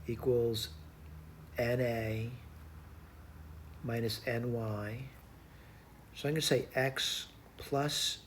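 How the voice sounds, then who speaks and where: A man giving an informal math lesson, thinking aloud hesitantly as he works through each step and repeats it. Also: medium pitch. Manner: hesitant, self-talking, repeats and spells out steps. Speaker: math tutor. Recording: clear background noise.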